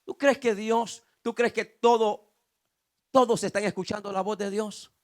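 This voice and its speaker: A male pastor preaches in a high, bright-edged voice. He builds with repeated phrases and rhetorical questions, punctuated by calls of "aleluya.". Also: steady tone, unhurried. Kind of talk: sermon.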